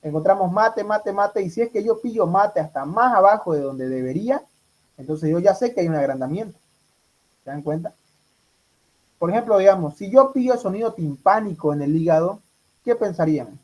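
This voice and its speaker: High-voiced man quizzing a medical class. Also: lively intonation, brisk, a little mellow, rough recording. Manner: quizzing students, repeats answers back. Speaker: medical tutor. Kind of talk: exam review class.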